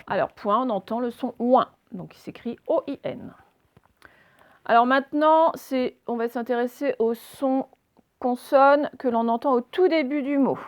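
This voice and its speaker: A woman teaching a phonics reading lesson, sounding out letters slowly and deliberately and putting questions to her young listeners. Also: high-pitched.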